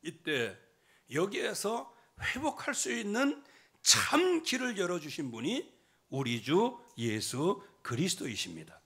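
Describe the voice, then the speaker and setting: Male pastor, middle-aged, bright edgy tone, very lively pitch, mid-sermon. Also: measured pace, breathy edge. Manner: lively preaching, swinging from loud emphasis to quiet asides, mimics hymn singing. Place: church sanctuary.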